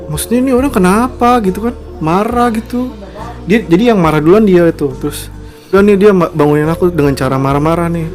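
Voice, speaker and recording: A young man chats casually as a podcast co-host, and his voice sits a little higher than most men's. He talks animatedly and mimics angry people by raising his voice. Soft music plays faintly underneath. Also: brisk. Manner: animated, acts out quoted outbursts in a raised voice. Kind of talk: casual chat.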